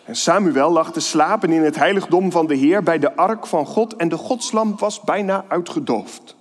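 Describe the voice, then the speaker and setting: Man pastor, high voice, lively kids' sermon, long church reverb. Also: moderate pace. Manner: lively, playful storytelling to children. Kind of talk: children's sermon with Bible reading.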